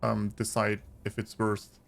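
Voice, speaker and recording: A man giving casual gameplay commentary, thinking aloud with hesitant pauses. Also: lowish voice, completely flat delivery, vocal fry. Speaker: gamer commentating on own play. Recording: faint game music behind voice. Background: video game music and unit voices.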